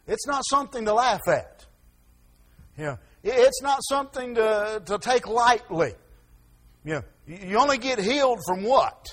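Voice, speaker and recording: A man preaching a sermon, folksy, repeating words as he restarts and swinging from soft asides to loud emphasis. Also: high voice, slightly rough.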